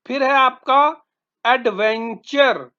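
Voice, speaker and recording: A woman teacher slowly explaining English words, patiently repeating and spelling them out letter by letter. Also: high-pitched, sharp tone, highs cut off.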